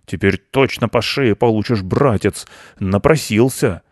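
A man's voice: fairly low pitch, unhurried, dry recording. A pushy grey teenage mouse, voiced by a male storyteller, talks in a brusque, threatening way. The recording is dry and close.

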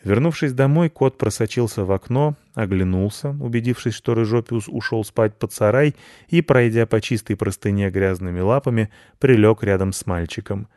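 A man narrating a children's storybook in a lively, explanatory way. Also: lowish voice, moderate pace, few pauses, no echo, studio quality. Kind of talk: storybook reading.

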